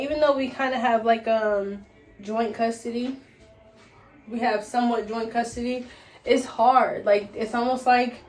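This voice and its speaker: A woman's voice: fairly high pitch, darkish tone. A young American woman chatting casually and candidly about personal matters, loose and a little tipsy, answering questions as host. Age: young adult. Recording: echoey room, faint background noise.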